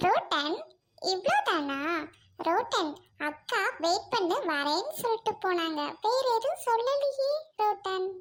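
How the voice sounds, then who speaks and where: Brief: woman as a soothing, loyal young friend, Trichy Tamil accent, very high voice. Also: animated, a little slow. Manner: gentle, reassuring, repeats friend's name. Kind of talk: comedy skit acting.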